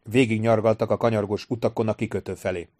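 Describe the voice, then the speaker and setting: A man's voice: lowish voice, level tone, a little mellow, no echo, studio quality. Man reading an audiobook steadily. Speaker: audiobook narrator. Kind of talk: scripted narration.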